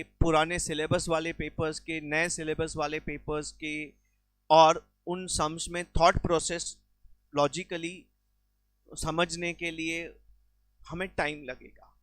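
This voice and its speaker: A man's voice: a little high, fairly bright tone, no room sound. A man teaching a recorded exam-prep lecture, explaining with everyday examples and mixing English terms into his speech.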